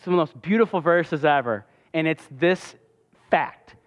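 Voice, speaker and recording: A man's voice: a little high, normal speed. A man giving a sermon testimony, telling his story with passion. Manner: impassioned, storytelling. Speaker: pastor. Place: church hall. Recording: dull sound with long hall reverb.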